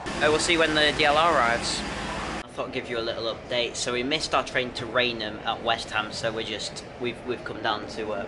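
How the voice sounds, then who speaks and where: A man's voice: mid-range voice, background noise. A young man from England chatting casually to camera as a train vlogger, upbeat and full of fillers, filmed at arm's length in stations and carriages. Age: young adult. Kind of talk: casual vlog narration. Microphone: handheld camera at arm's length.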